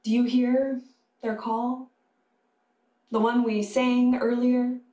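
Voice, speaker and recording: A woman chaplain delivering a sermon to a congregation, slow and deliberate with pauses. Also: a little high, level tone, dark tone. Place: congregation sanctuary. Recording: echoey room.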